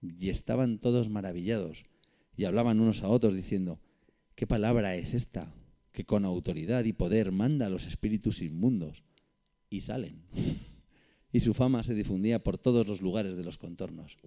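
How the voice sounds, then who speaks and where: A man's voice: fairly low pitch, normal speed, mellow. A man with a Peninsular Spanish accent preaching and reading Bible verses aloud, with conversational asides to his listeners. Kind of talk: Bible study sermon with scripture reading.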